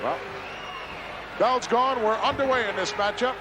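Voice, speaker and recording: A man's voice: extremely high pitch, a little slow, a crowd in the background, noisy background. A man giving play-by-play wrestling commentary.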